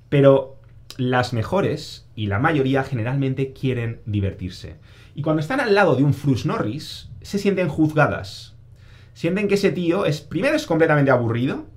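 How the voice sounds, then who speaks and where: A man, giving a casual self-help monologue to camera, stressing points by repeating phrases and answering his own questions. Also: mid-range voice.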